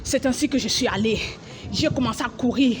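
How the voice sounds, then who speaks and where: Reliving the scenes of her religious testimony, a woman cries out and acts them out, dramatic and full of repeated phrases. Her voice is on the high side and fairly quick.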